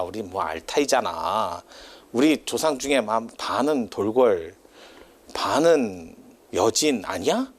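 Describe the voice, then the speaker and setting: A male lecturer talking to a class in a loose, chatty way, his pitch swinging up and down. He drifts off on tangents, teases and laughs often.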